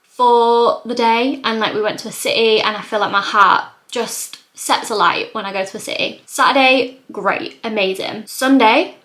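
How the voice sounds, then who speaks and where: A vlogger in her twenties tells a personal story to camera in a casual confessional storytime, chatty and earnest and saying "like" a lot. She repeats herself often and retells events emotionally, in a steady, somewhat bright, fairly high voice at a moderate pace.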